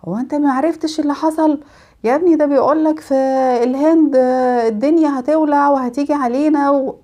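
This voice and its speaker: A woman's voice: sits high, steady tone, fast, mellow, pitched above the performer's own voice, natural voice. A woman with an Egyptian accent acting out a gloomy middle-aged man who keeps spreading bad news, speaking in an agitated, exclaiming way. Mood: alarmed. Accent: Egyptian Arabic.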